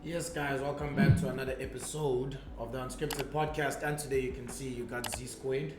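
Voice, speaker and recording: A man's voice: mid-range voice, little pitch movement, normal speed, loud music behind the voice. A young man hosting a podcast in a playful, hyped, teasing manner. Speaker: podcast host. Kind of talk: casual chat. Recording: echoey room with background noise.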